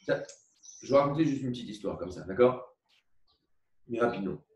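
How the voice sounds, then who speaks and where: A man teaching a religious lesson, explaining slowly with many repetitions and asides and asking for agreement. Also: mid-range voice, animated, a little mellow. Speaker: Torah teacher. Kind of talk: religious lecture with a parable. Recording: echoey room recorded from far off.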